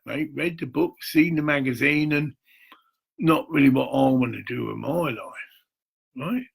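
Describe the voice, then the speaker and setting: An older man who founded a charity films himself delivering a rambling, theatrical, emphatic monologue with a mystical bent, speaking straight to viewers. His voice is on the high side, gravelly, sharp and slightly rough.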